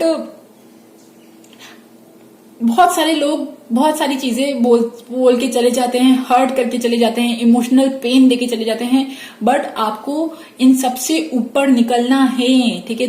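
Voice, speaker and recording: A woman's voice: high voice, reverberant. A woman giving a pick-a-card tarot reading, reassuring her viewers and often checking in with them. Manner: warm reassuring, mixes English phrases, frequent "theek hai" check-ins.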